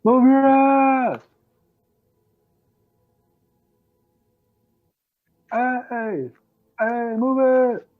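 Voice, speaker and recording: Guy doing a yelling bully adventurer, high and loud, tinny line. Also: fairly even intonation, unhurried, no room sound. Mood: yelling angrily. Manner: shouting insults. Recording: tinny phone-like sound.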